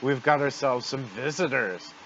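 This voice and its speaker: A man voicing a gloating, hungry swamp monster in a game, with slow, theatrical villain menace. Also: medium pitch, fairly bright tone, lightly acted. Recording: dull noisy home microphone.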